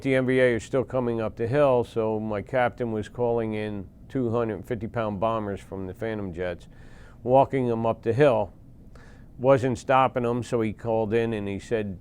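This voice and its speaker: A man in his sixties from Philadelphia, a veteran recounting war memories in a plain-spoken, halting way with pauses and fillers. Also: lowish voice, a little mellow, clear, resonant tone. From Philadelphia, USA. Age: 60s. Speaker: veteran interviewee.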